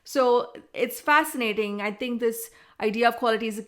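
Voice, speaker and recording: The host of a wellness podcast, who practises Ayurveda, opens the show and talks with a guest. She has a voice on the high side, a bit bright, at an ordinary pace.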